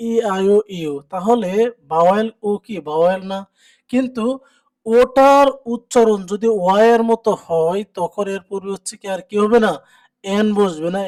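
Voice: medium pitch, darkish tone. Teacher quizzing through a grammar lecture. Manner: asks rhetorical questions and answers them, frequent check-ins. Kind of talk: exam-prep grammar lecture.

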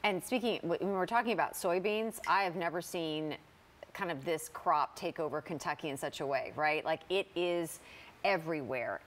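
Upbeat woman TV host, low-pitched. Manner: upbeat, chatty, quick affirmations. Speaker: TV morning show host. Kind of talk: TV interview hosting. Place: TV studio set.

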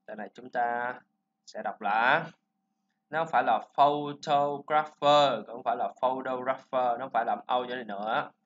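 A man teaching a pronunciation lesson, explaining sounds and repeating words slowly for learners to copy. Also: mid-range voice, fairly bright tone. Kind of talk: classroom-style pronunciation lesson. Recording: slightly dull lo-fi recording.

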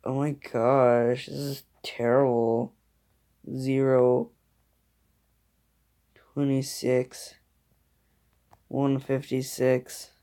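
A man's voice: mid-range voice, flat delivery, extremely slow, long pauses, warm tone. A man giving casual gameplay commentary, talking to himself in a grumbling, sarcastic way. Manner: grumbling, sarcastic self-talk. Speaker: gamer.

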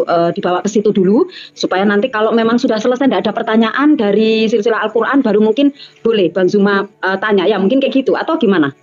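A woman moderating a live debate, calmly urging the speakers to slow down. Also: medium pitch, dull audio. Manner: soothing, calming others down.

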